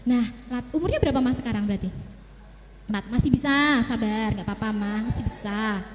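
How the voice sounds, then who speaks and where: A middle-aged woman who works as a child psychologist speaks briskly in a slightly high voice at a seminar for parents. She coaches them and acts out little mother-and-child scenes, with echoey hall reverb on the recording.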